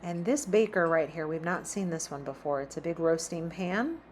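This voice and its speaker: A woman's voice: fairly low pitch, lively intonation, moderate pace, a little mellow, slight background noise. A woman chatting casually as she browses a store, reading out prices as she walks. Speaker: shopping vlogger. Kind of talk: casual shop-with-me narration. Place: inside a large store.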